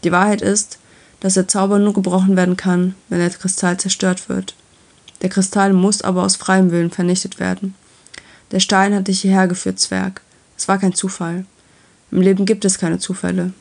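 A woman voicing a calm, patient enchanted lizard in a storybook reading, speaking softly and matter-of-factly. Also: medium pitch, moderate pace, vocal fry. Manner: soft, gentle and matter-of-fact.

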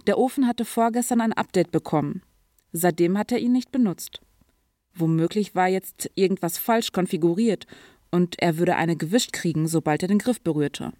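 A woman reading a story aloud in an even, clear storytelling manner, now and then lightly voicing the characters. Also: on the low side, moderate pace, dry recording, clean studio sound. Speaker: narrator. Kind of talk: audiobook reading.

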